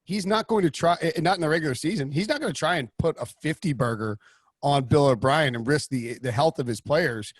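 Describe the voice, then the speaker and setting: Guy hosting a football betting podcast, talks fast and rambles, restarts a lot, dry room. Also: fairly high pitch, no room sound. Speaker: podcast host. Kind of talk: casual sports betting talk.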